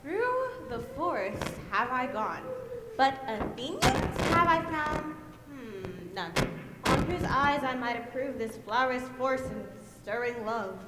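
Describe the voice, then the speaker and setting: Teen girl doing a sneaky fairy sprite, high, really up and down, school play in a boomy hall with noise. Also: expressive. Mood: sly. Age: teens. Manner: slow, theatrical, swooping delivery. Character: mischievous sprite, errand-running fairy servant. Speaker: student actor. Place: school auditorium stage. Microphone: distant room mic. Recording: echoey hall from far off.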